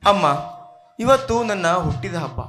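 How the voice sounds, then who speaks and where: A man's voice: sits high, expressive, moderate pace. An actor playing a remorseful son on a village stage, declaiming and pleading with his mother over live music. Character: remorseful grown son confessing a grave wrong. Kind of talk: emotional village stage drama.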